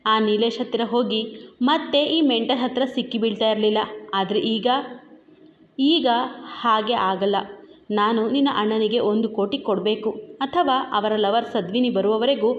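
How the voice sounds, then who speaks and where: A woman's voice: a little high, measured pace. A woman reading aloud a romance story she wrote herself, giving the characters' lines in much her own voice. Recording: dull echoey room recording with faint hiss.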